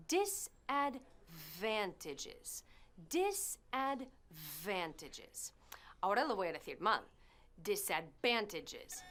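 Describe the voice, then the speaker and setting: Woman, upbeat TV shopkeeper sketch, lively expressive pitch, faint music behind. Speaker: shopkeeper presenter in TV lesson sketch. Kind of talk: TV language lesson.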